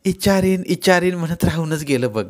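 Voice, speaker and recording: Man doing a shrill, scolding old village mother-in-law. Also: moderate pace, close to an everyday voice. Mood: fussing. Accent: rural Marathi. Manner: scolding, high and loud.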